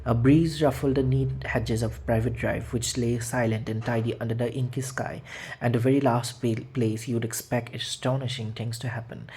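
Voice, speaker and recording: A man's voice: mid-range voice, steady tone, moderate pace, dark tone, slightly rough. A man narrating a children's fantasy audiobook, reading with frequent slips and restarts. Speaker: audiobook reader. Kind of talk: storybook narration.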